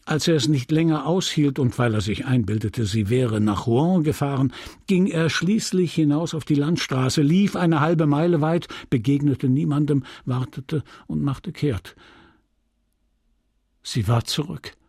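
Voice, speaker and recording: Slow, husky male audiobook narrator. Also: a little high, dry recording, studio quality. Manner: measured, dramatic, hushed in grim passages. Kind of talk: literary audiobook reading.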